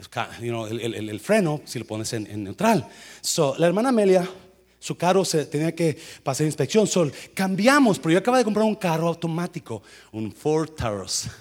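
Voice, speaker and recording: A middle-aged man, a pastor, telling a story in a sermon with lively sound effects and English phrases mixed in. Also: a little high.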